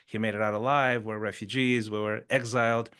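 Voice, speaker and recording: A middle-aged Chilean performance coach, appearing as a podcast guest, tells his life story conversationally, often tagging on "sort of" and "right?" and making brief restarts. His voice is lowish, clear and resonant with a fairly bright tone, delivered flatly and fairly quickly.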